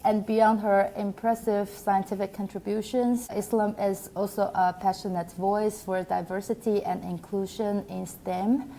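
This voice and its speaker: A woman's voice: medium pitch, flat delivery, measured pace, hardly any pauses, dark tone, slight background noise. A young woman in her twenties, a PhD student hosting a podcast, introducing a guest eagerly and asking questions. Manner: enthusiastic, eager.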